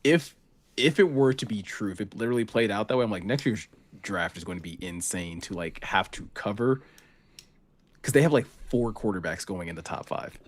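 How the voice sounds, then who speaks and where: A man co-hosting a casual sports podcast, animated and quick to laugh, with lots of filler words. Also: fairly low pitch.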